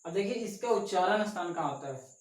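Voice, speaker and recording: A male teacher giving a classroom lesson, sounding out consonants slowly one by one and checking in with the class often. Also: sits high, animated, background noise. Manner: slow, drawn-out sounding of letters with frequent "ठीक है" checks. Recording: echoey room, distant mic, insects chirping.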